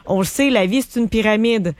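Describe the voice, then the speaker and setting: Une animatrice de radio à l'mène l'entrevue d'un ton détendu et conversationnel. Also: female voice, mid-range voice, a little fast. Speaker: radio host. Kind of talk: radio interview.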